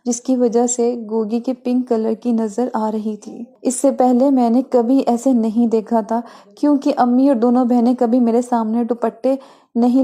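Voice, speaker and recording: Mellow-voiced woman narrating a story. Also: fairly high pitch. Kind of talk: scripted first-person story narration.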